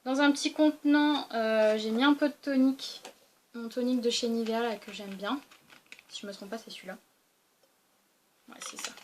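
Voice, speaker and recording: A woman's voice: on the high side, fairly even intonation, moderate pace, pauses often, darkish tone, slight background noise. A young woman casually showing her weekend travel toiletries in a vlog, chatty, with many fillers and restarts. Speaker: beauty vlogger. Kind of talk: casual show-and-tell vlog.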